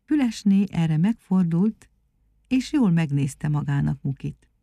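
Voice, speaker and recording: A woman's voice: low-pitched, vocal fry, dry recording, clean studio sound. Woman reading a storybook aloud. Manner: calm, measured storytelling.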